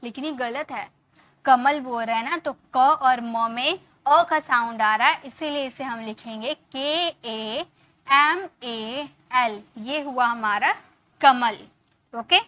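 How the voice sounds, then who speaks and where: A woman from India giving an online lesson as an English teacher, patiently explaining and often checking that the point is clear. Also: a little high, slow pace, pushed and bright. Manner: patient, repeats points with frequent check-ins.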